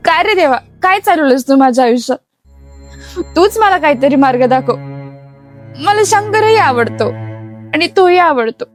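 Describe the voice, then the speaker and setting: A woman's voice: sits high, expressive, faint music behind. A woman playing a torn young woman praying. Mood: pleading. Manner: pleading, soft and slow prayer.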